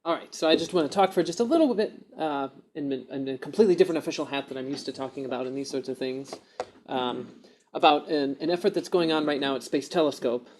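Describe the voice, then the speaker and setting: A man's voice: mid-range voice, a little mellow, slight background noise. A man speaking at a conference, giving an informal, emphatic short talk and often seeking agreement.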